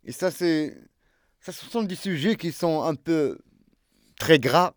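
Earnest hesitant man explaining slowly. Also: on the high side, no room sound, clean studio sound. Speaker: street interview participant, translator. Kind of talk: casual street discussion. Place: outdoors in a street.

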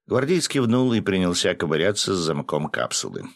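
Deep-voiced male audiobook narrator. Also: very animated, a little fast, vocal fry, dry recording, studio quality. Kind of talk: first-person audiobook narration.

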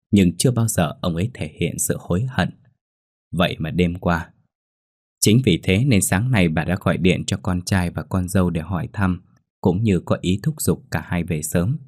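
A man narrating a scripted ghost story in a steady, measured way. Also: sits low, dry recording, studio quality. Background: faint background music.

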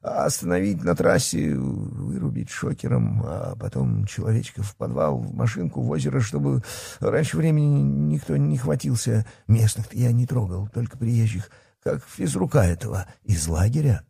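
A man's voice: mid-range voice, expressive, normal speed, gravelly, warm tone, breathy edge, no room sound, studio quality, exaggerated voice. A man voicing a cowardly fat male policeman, stammering and squealing in panic. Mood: wheedling. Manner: panicky pleading, stutters.

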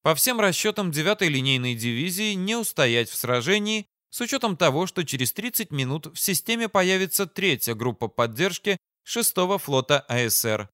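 A calm female android assistant, flat and logical, voiced by a male audiobook reader. The sound is clear and smooth, recorded dry and close. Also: fairly high pitch, no echo. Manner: level, matter-of-fact.

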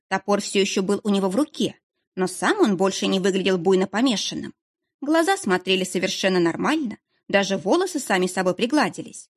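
A woman narrating a first-person audiobook in an even storytelling manner. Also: medium pitch, husky, no echo, studio quality.

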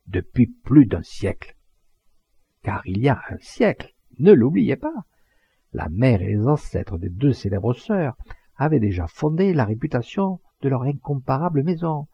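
A man's voice: lowish voice, gravelly, warm tone, breathy edge, no echo, full character voice. A man voicing a pompous, talkative townsman who gives grandiloquent funeral speeches, in a dull lo-fi recording.

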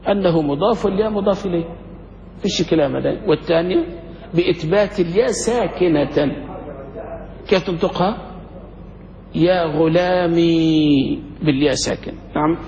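A man's voice: high-pitched, animated, gravelly, a little mellow. A male sheikh teaching grammar, firing questions at his class. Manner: quizzes students with rapid questions. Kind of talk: classroom lesson with questions to students. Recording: dull lo-fi recording in a reverberant hall with faint noise.

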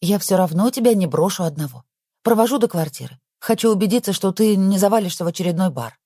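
A male narrator voicing a caring young woman who speaks softly and gently. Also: high voice, expressive, quick pace, no echo, studio quality, pitched above the performer's own voice. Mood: gentle. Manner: soft, pleading.

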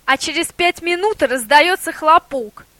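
A woman voicing a sly, bold male boar who talks in a lively, persuasive, theatrical way. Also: sits high, normal speed, dry recording. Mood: urgent.

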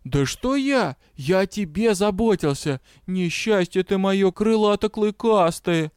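A man's voice: on the high side, unhurried, a little mellow, clean tone, no echo, clean studio sound, close to an everyday voice. A man voicing a cheeky, shameless male dragon in an audiobook, with a brash, teasing, mock-indignant manner.

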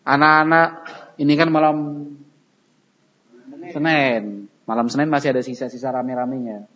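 A man's voice: medium pitch, normal speed, fairly bright tone. A man preaching a sermon in a folksy way, acting out everyday dialogues. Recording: dull recording in a reverberant hall.

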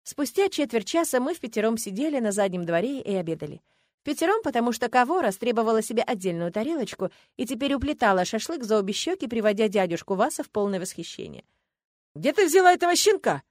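Female audiobook narrator, first person, even delivery, dry close sound. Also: a little high, fast talker, dry recording.

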